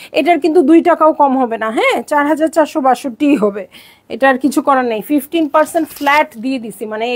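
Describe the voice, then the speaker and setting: Young bangladeshi woman chatting away selling dresses on a live stream, high bright voice, mixes in english a lot. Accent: Bangladeshi Bengali. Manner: chatty, bubbly, code-switching to English. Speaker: online clothing seller.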